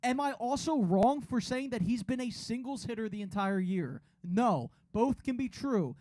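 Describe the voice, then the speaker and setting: A man's voice: very high-pitched, animated, moderate pace, a little mellow, no echo. A man co-hosting a sports podcast in casual banter, arguing his points insistently and repeating himself. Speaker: podcast co-host.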